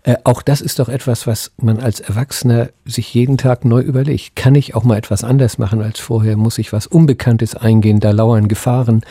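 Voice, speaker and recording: A middle-aged man giving expert explanations in a radio interview, thoughtful and halting, pausing mid-phrase. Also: medium pitch, steady tone, mellow, slightly rough, no room sound, clean studio sound. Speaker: psychoanalyst and academy president, interview guest.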